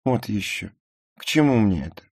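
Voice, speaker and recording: A man's voice: sits low, very animated, moderate pace, gravelly, darkish tone, no echo, pitched above the performer's own voice, full character voice. A man reading a story aloud and voicing a proud, touchy young woman in a raised, affected girlish tone. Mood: haughty. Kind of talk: audiobook character voicing.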